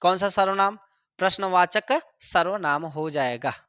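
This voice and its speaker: A male teacher giving a grammar lesson, repeating each example sentence slowly for students to copy. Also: sits high, bright, forceful tone, clean tone, no echo, clean studio sound. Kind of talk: classroom lesson.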